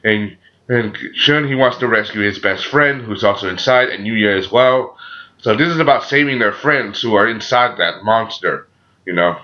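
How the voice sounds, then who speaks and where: A man with a sore throat gives a casual, unscripted review as a channel host, halting and often repeating himself with frequent filler phrases. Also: on the low side, sharp tone. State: sore throat, a little sick. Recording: dull, muffled lo-fi audio.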